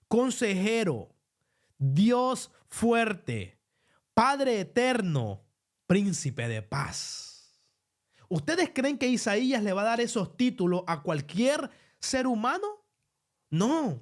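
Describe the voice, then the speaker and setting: A man preaching a Bible teaching sermon, reading verses aloud and asking listeners to underline words. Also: high-pitched. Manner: explains slowly, tells listeners to underline verses.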